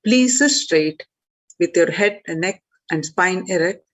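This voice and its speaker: A woman presenter giving a scripted announcement and then leading a guided meditation in a slow, measured, reverent way. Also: lowish voice, animated, rough recording.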